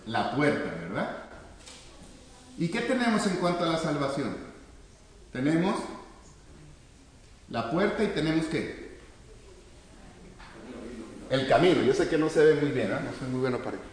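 A man teaching a sermon in a fairly high, animated voice whose pitch rises and falls freely. He asks the listeners questions and answers them himself, often breaking off and restarting. The sound is roomy, with a long hall reverb behind him. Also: unhurried, pauses often. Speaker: preacher teaching a church class.

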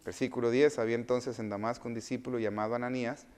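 Preaching man, questions and quiet asides. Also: mid-range voice, flat delivery, fast, clear, resonant tone. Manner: asks the congregation questions and answers them himself; sudden swings between loud emphatic phrases and quiet asides. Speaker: pastor. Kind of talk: sermon.

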